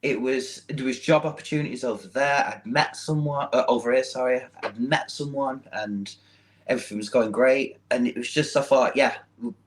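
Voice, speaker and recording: A man's voice: medium pitch, moderate pace, poor audio. A young man from Manchester with a Mancunian accent, chatting casually as a podcast guest and often laughing at himself. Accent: Mancunian English. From Manchester, England. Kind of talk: casual chat.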